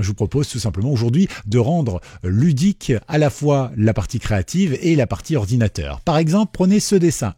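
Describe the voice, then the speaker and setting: Male tutorial host: dark, slightly husky tone, chatty and self-deprecating, dry recording. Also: mid-range voice, no echo. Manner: jokey, self-mocking, chatty. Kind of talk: casual screen-recorded tutorial.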